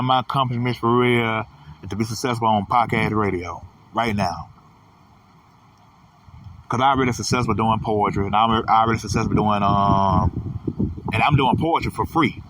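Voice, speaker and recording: A man in his thirties giving a rambling, repetitive, profane motivational monologue as a podcast host. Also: on the low side. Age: 30s. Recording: distant mic with loud vehicle noise.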